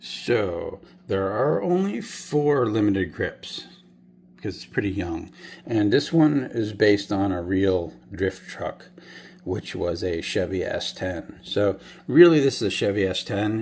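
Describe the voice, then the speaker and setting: Speaking low and unhurried, with vocal fry and a darkish, expressive tone, a northern US man walks through his toy cars. His show-and-tell is loose and rambling, full of mid-sentence self-corrections.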